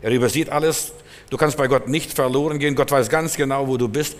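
A man preaching a sermon emphatically, his voice swinging between loud stresses and quieter passages. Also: medium pitch, steady tone, quick pace. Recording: long hall reverb.

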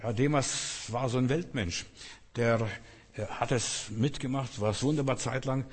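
A man delivers a sermon in an earnest, direct manner and keeps putting questions to his listeners. His voice is husky and sits in a mid register. A long reverb trails after every phrase, as in a large hall. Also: mid-range voice, unhurried. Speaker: preacher.

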